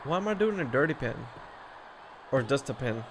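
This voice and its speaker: A male gaming streamer, stuffy from allergies, chatting casually and reacting loudly to the game. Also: mid-range voice, very animated, normal speed, noisy background. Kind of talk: casual gameplay commentary.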